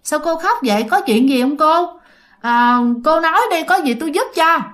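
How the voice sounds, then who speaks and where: A woman voicing a kind old great-grandfather who gently asks what is wrong. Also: high voice, animated, moderate pace, pitched above the performer's own voice. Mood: concerned. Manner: gentle, concerned questions.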